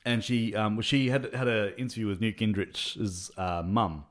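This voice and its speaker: A man with a very low voice chats loosely on a podcast, full of fillers and stray chuckles. He rambles from point to point with a relaxed, unscripted feel. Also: a little slow. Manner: rambling, many fillers, laughs between points. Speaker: podcast co-host. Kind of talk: casual chat.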